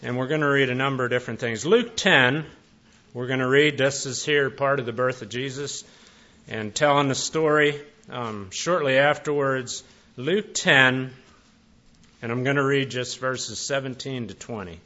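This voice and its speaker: Bright, slightly high male preacher, folksy storyteller, muffled lo-fi sound. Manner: folksy, conversational, with many fillers and pauses. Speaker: pastor. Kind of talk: storytelling sermon.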